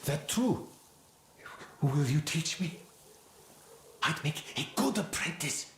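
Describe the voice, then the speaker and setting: An eager villager pleading. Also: male voice, a little high, sing-song, slow pace, slight background noise. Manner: pleading, wheedling. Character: eager young male villager begging to learn. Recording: echoey game audio with faint ambience.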